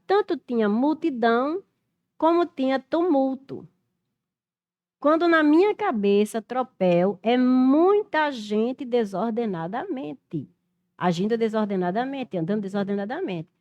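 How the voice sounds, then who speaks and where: Middle-aged Brazilian woman, lively Portuguese teacher reasoning aloud through exam questions. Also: high voice. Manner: animated, thinks aloud, spells letters out. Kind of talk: exam-prep lesson, working through questions.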